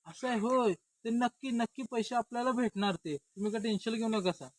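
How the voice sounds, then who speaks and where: A man's voice: extremely high pitch, a little fast, no echo, voice pushed up. A man voicing a practical, nagging village wife. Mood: coaxing. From Maharashtra. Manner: pleading "aho" addresses.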